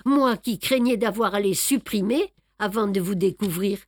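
A woman's voice: medium pitch, moderate pace, no echo, clean studio sound, close to an everyday voice. A woman reading aloud and voicing a fussy, self-satisfied older male detective who boasts of his clever plans. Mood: boastful. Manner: boastful, explaining, lively emphasis. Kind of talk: audiobook reading.

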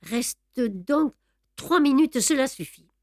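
A woman's voice: sits high, animated, slow pace, a little mellow, no room sound, clean studio sound, voice pushed up. A woman reading the part of a male court clerk revealed as a brutal, mocking villain, speaking curtly. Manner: mocking, curt. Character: sneering male clerk turned armed villain, brutally bold.

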